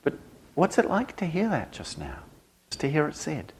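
A man speaking as a Dharma teacher to a group, earnest and reflective, in short halting phrases with thoughtful pauses. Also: fairly high pitch, huge pitch swings, slightly rough, poor audio. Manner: grave, earnest. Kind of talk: reflective spoken talk to a group.

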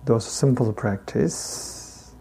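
Here a Tibetan man, speaking with the heavy accent of his native language, teaches the dharma in deliberate, hesitant bursts separated by lengthy silences. His medium-pitched voice is husky and dark, with vocal fry, and the recording quality is poor.

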